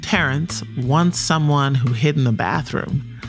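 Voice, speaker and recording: A man narrating a documentary podcast in a measured, scripted storytelling voice. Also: medium pitch, music in the background.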